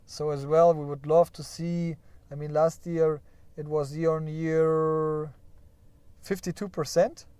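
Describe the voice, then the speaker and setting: In a dry recording, a fairly high, warm voice with a clear, resonant tone delivers slow, flat commentary. This stock market streamer shares his screen to discuss earnings, thinking aloud chattily with many "yeah?" hedges and playful jokes about crying over results.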